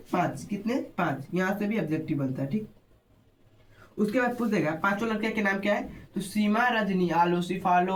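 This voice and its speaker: Hindi teacher drilling answers aloud. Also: male voice, high voice. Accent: Bihari Hindi. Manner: repeats answers, quizzes listeners. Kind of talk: exam-prep lesson.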